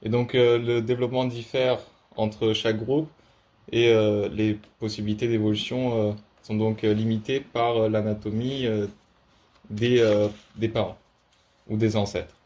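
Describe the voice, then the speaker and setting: A young man giving a prepared student presentation in a halting way, with very frequent hesitations. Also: on the low side, little pitch movement, a little mellow.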